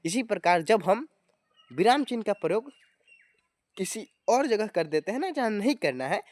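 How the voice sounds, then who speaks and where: A man's voice: high voice, very animated, normal speed, dry recording. A man teaching a grammar lesson to exam students, explaining step by step and often addressing viewers as friends. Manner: explanatory, often calling viewers "friends" and adding tag words.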